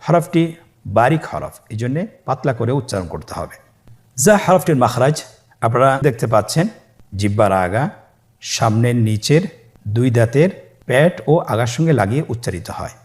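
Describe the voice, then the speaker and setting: A man teaching Quran reading letter by letter in a recorded lesson, calm and patient, stretching each letter sound and asking listeners to repeat after him. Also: medium pitch, moderate pace, long pauses. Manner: calm, patient, with frequent pious interjections.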